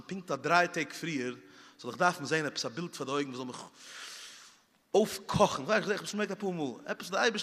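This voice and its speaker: A man gives a moralizing talk built on vivid anecdotes, acting out moments with small puffing sound effects. His voice is bright and sharp. The recording carries a long, lingering hall reverb. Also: on the high side.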